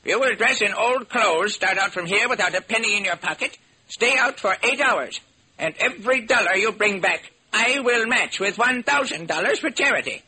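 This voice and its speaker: An actor playing an eccentric old millionaire in a 1940s radio drama, bossy and gleefully wicked. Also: male voice, high voice, expressive, normal speed, bright, forceful tone, slightly rough, voice pushed up, full character voice, low-quality recording. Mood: scheming. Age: older.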